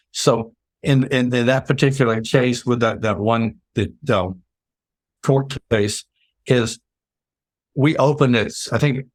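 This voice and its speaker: An older man tells workplace stories in an animated, rambling way, stopping and restarting his sentences. His voice sits at a middle pitch. The sound is dry and close. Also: dry recording. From United States. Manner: animated storyteller, many restarts. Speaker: interview guest, PR veteran. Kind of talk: casual interview chat.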